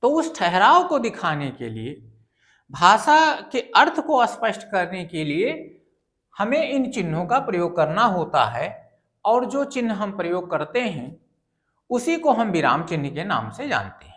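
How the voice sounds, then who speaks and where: A woman's voice: medium pitch, sing-song, measured pace, a bit bright. A woman teaching a grammar lesson, patiently explaining step by step and repeating examples.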